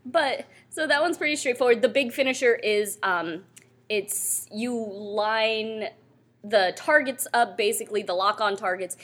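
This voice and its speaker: A woman's voice: fairly high pitch, a little slow, fairly bright tone. Rambling young woman podcast host. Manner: rambling, with frequent fillers and laughs. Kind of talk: casual chat on a live panel. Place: convention panel room. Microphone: handheld mic.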